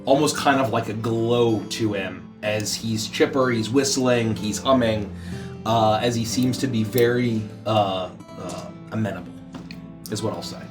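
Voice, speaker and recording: A man's voice: fairly low pitch, measured pace, far from the mic, over music. A man improvising his character's actions as a player in a tabletop role-playing game.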